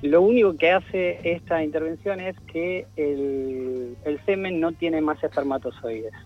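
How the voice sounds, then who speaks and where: A man's voice: on the high side, a little slow, soft background music. A man, a guest in a radio interview who talks with many restarts and fillers. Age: 40s. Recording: dull lo-fi radio sound.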